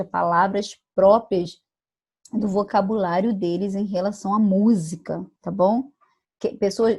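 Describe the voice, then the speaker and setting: A woman from Brazil teaches an online class at a steady middle pitch. She explains each point patiently and keeps checking that her students are following. Now and then she acts out a sample phrase. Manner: explanatory, checks understanding with "tá bom?" and "né?"; acts out regional phrases in quoted voices.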